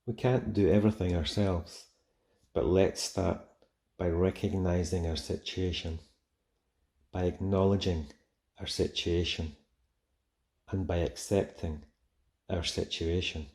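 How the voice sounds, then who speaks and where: A man guiding a relaxation meditation in a soft, soothing, gentle manner with long pauses. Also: low voice, fairly even intonation, creaky. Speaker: meditation guide. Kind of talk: guided relaxation meditation, soothing scripted narration.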